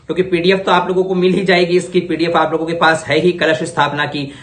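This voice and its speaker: A man with a fairly high, fairly bright voice leads a slow mantra recitation lesson, and the sound is reverberant. His chanting is monotone and broken into syllables for students to copy, followed by a quick, plain-spoken explanation of the Vedic ritual.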